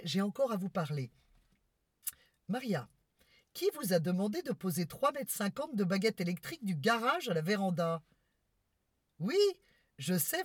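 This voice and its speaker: A woman's voice: mid-range voice, breathy edge, no room sound. An exasperated, condescending bourgeois lady, played by a woman in a comic stage monologue. She lectures in a theatrical, put-upon tone. The sound is dry and close, with no room around it. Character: haughty bourgeois lady scolding her maid.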